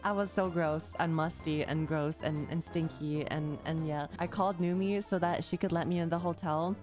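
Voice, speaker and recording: A woman's voice: low-pitched, fairly even intonation, moderate pace, music in the background. A woman streamer ranting casually on a livestream in an exasperated, slangy, sweary way.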